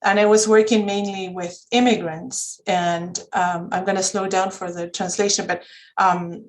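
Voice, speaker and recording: Speaking at a measured pace with fairly even intonation, a medium-pitched woman serves as a panel counselor and talks in a thoughtful, conversational way. Spanish is her first language, she often restarts while searching for words, and she's heard via video call.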